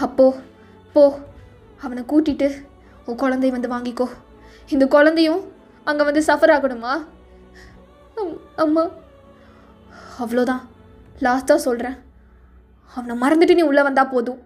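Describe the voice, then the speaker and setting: A hard, unforgiving middle-aged mother lays down the law to her daughter, voiced by a woman. She speaks slowly and cuttingly in a fairly high voice. Faint music runs behind this fan audio drama. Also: fairly even intonation. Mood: scolding. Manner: scolding, slow and cutting. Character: stern middle-aged mother, harsh and scolding. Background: soft music.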